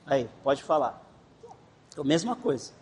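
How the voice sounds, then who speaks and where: A man's voice: on the high side, big pitch swings, measured pace, a little mellow. A man teaching a children's Bible class, coaxing and encouraging them and repeating instructions. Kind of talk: leading a children's game. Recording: echoey room, faint background noise.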